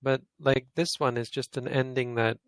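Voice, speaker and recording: Gravelly-voiced monk teaching grammar. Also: male voice, medium pitch, level tone, normal speed, a bit bright, no echo. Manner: thinks aloud, corrects himself mid-sentence. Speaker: Buddhist monk teaching Pali. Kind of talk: informal grammar lesson to a study group.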